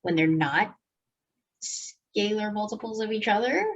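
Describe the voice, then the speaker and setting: A woman's voice: mid-range voice, measured pace, muffled recording. A woman co-teaching a math lesson, wry and self-mocking as she answers questions. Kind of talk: co-teaching a lesson, casual banter.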